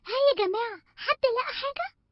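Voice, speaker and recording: A woman voicing a squeaky, chirpy cartoon critter. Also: animated, fast talker, no room sound. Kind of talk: cartoon voice acting. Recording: slightly dull audio.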